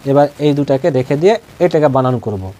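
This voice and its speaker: A man with a Bangladeshi accent teaching Quran reading, spelling out Arabic letters and reciting them in a drawn-out chant, with quick explanations in between. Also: mid-range voice, expressive, warm tone.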